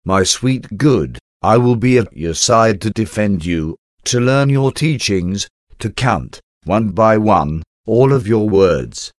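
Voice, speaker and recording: Male reader for a devotional prayer, lowish voice, slow reverent delivery, dry recording. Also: lively intonation, no room sound. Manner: slow, reverent, measured recitation.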